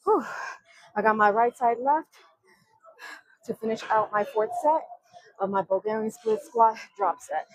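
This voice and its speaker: A woman's voice: a little high, expressive, unhurried, gravelly, long pauses, no room sound, low-quality recording. A young woman vlogging her workout in a gym, out of breath and counting reps with strained grunts. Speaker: fitness vlogger.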